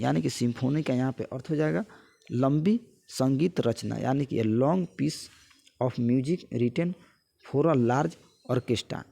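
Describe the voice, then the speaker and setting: A man teaching a vocabulary lesson for exam prep, explaining each meaning in simple terms and slowing down to read the English definitions. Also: mid-range voice, creaky, dark tone, husky.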